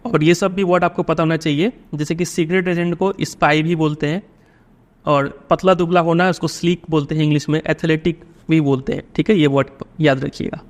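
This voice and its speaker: A man's voice: on the high side, fairly even intonation. Hindi-speaking male teacher explaining text. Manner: reads English lines slowly, explains in Hindi with frequent "ठीक है?".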